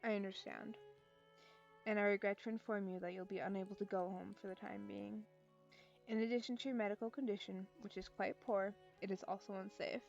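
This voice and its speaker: Girl reading a calm formal guy, polite and gentle, kinda muffled audio. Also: mid-range voice, fairly quick, creaky, soft background music, close to an everyday voice. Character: calm formal young man, gently protective.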